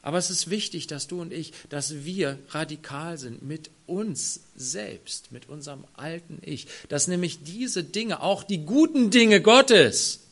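A man preaching a sermon who speaks straight to his congregation, dropping to near-whispers and then rising to loud, emphatic phrases. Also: on the high side, unhurried, vocal fry, few pauses. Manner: addresses the congregation directly.

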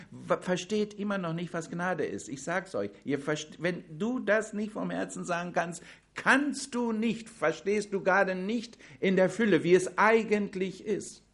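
Slow, emphatic preacher with a raised voice. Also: male voice, sits high. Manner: slow, emphatic preaching, addressing the congregation directly. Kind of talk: sermon.

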